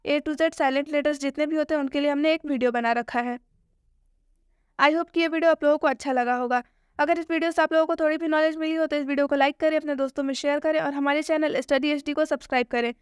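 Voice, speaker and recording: A woman gives a spoken English lesson. She asks questions and answers them herself, and she repeats each point slowly. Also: high voice, steady tone, no room sound, studio quality. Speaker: English teacher.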